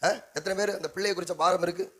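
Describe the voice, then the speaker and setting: Speaking rapid-fire in a high voice with fairly even intonation, this Tamil-accented pastor delivers a sermon. He calls on the congregation to answer, building rising, rhythmic exhortation through repeated phrases in call-and-response style.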